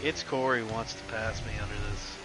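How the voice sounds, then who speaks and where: A young man chatting casually and laughing often with teammates while sim racing, with excited callouts. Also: on the low side, fairly quick, loud music behind the voice. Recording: noisy game audio behind voice chat.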